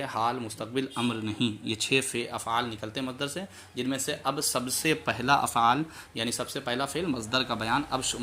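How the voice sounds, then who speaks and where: A man's voice: mid-range voice, sharp tone, slight background noise. A man teaching a Persian grammar lesson, saying each word and its meaning over and over as a drill.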